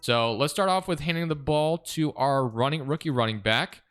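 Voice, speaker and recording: Bright, smooth-voiced man narrating gameplay. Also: a little high, moderate pace. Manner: chatty, thinking aloud, self-correcting. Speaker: gaming video creator. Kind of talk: casual commentary over gameplay.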